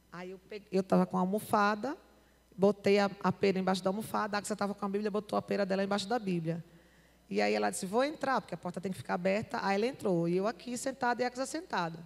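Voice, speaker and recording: Gravelly-voiced woman testifying in a church. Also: medium pitch, steady tone, fast talker. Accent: Northeastern Brazilian. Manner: storytelling, acting out dialogue. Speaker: church member giving testimony. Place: church hall. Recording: reverberant church hall.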